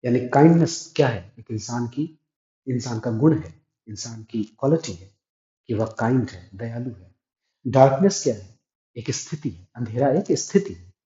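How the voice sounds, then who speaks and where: At a normal speed, a man with a mellow mid-range voice and lively intonation teaches English grammar in classroom style. He works through it step by step and answers his own questions, recorded in an echoey room with dull, lo-fi audio.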